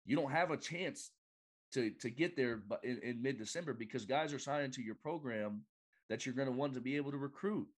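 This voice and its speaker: A man appearing as a guest on a casual sports podcast, talking in halting bursts and often restarting his sentences. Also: medium pitch. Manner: halting, lots of fillers and restarts.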